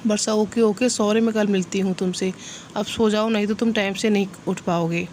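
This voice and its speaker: A woman voicing a spirited young woman who is quick to take offense, in a storybook reading. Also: medium pitch, a little hiss or hum, natural voice. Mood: huffy. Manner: huffy, lively.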